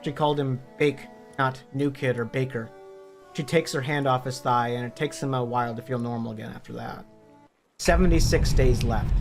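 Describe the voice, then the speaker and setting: A hoarse man reading a story aloud in a plain, steady narrating voice. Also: medium pitch. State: hoarse from illness.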